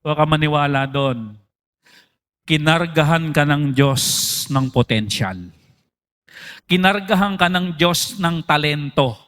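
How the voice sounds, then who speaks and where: Animated high-voiced Filipino pastor preaching. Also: male voice, slow pace, long pauses. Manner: mixes Tagalog and English, asks the congregation questions; animated, jumps in pitch for emphasis. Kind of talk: sermon.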